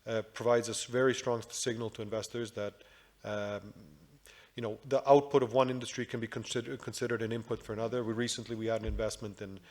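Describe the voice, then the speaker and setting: A man giving businesslike remarks on a conference panel, pausing often on fillers. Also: mid-range voice, flat delivery, a little mellow. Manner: businesslike, with frequent filler pauses.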